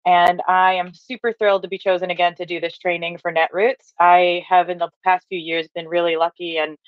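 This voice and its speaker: A woman in her thirties from Hawaii runs an upbeat online training from her home office, reading out chat replies with plenty of fillers. Her fairly low voice is brisk and flat, and her webcam or laptop mic gives dry, dull lo-fi video call audio with no echo.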